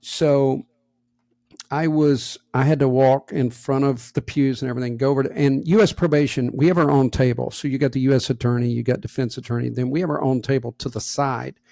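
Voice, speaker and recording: Middle-aged male podcast co-host, gravelly voice, casual storyteller, dry close mic. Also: mid-range voice, a little fast, no echo. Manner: animated anecdote teller, acts out quotes.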